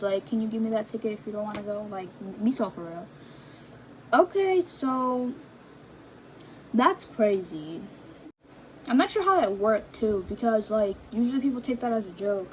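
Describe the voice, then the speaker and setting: A woman's voice: a little high, slight background noise, low-quality recording. Chatty young woman, fillers and restarts. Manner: chatty, filler-heavy, stumbles over reading. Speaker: vlogger reading confessions. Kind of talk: casual chat reacting to read-out posts.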